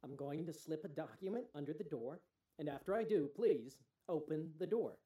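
Male actor as a cold official, dark-toned, fake courtesy. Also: fairly high pitch, lively intonation, moderate pace, close to an everyday voice. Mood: threatening. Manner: coldly threatening, falsely polite. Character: threatening male official at a door.

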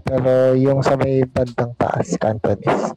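A man's voice: medium pitch, level tone, unhurried, crowd noise, rough recording. A young man in casual, joking chat with friends. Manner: joking, playful.

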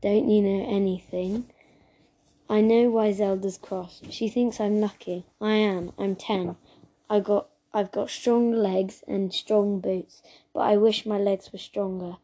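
A woman reading a children's story aloud as narrator, steady and even, with small slips. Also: medium pitch, measured pace.

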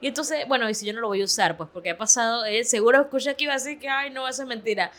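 A woman hosting a casual chat with friends, telling stories about her sister in a lively, chatty way. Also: on the high side, very fast. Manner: chatty, animated storytelling. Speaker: podcast host.

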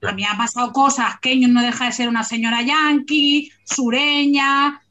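A woman hosts a relaxed book chat in a lively, emphatic and teasing way. Her voice sits a little high, and the audio is slightly muffled and lo-fi. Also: normal speed. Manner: animated, emphatic, playful. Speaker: host of a book club.

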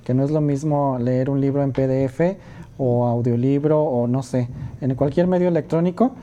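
Male co-host, very dark, mellow voice, friendly questions. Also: medium pitch, moderate pace, lo-fi sound, slight background noise. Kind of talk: casual chat.

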